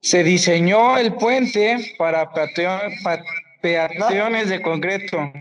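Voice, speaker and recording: A man taking part in a writing workshop, reading and answering slowly and haltingly. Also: high-pitched, fairly bright tone. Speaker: workshop participant.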